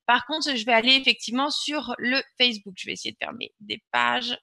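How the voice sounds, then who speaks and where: Woman, high and bright, webinar host demoing her screen, pushes hard and repeats herself. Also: fairly quick, creaky, no echo. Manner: insistent, repeats words for emphasis. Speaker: webinar presenter. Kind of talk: online webinar with screen-share demo.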